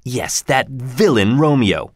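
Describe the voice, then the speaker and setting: A hot-tempered young nobleman bites out angry, clipped lines, as a man reads them aloud. The reading is slow, and the sound is dry. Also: mid-range voice, sing-song, dry recording.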